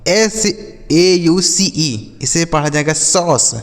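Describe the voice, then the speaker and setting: A man's voice: on the high side, slow. A man teaching an English phonics lesson, spelling out letters and then sounding out each word, often asking the viewer questions. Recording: long hall reverb.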